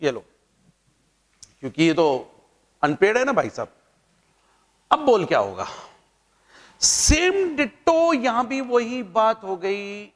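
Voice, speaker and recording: Lively high-voiced Indian teacher, reverberant. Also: male voice, slow pace, long pauses. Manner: playful, chatty teaching with jokes and asides. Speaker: chemistry teacher. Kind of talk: classroom lecture.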